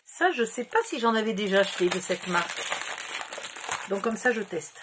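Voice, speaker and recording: A woman's voice: mid-range voice, lively intonation, normal speed, fairly bright tone, slight background noise. A middle-aged woman chatting casually through a scrapbooking haul, rambling and mocking herself as she loses track. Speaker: scrapbooking YouTuber. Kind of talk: casual haul video chat.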